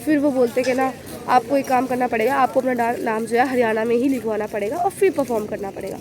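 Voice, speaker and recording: Young woman vlogger from Haryana, high-pitched, lively storyteller, phone-recorded outdoors at night. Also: quick pace, a crowd in the background. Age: young adult. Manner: animated, exclaiming storyteller. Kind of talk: casual storytelling vlog.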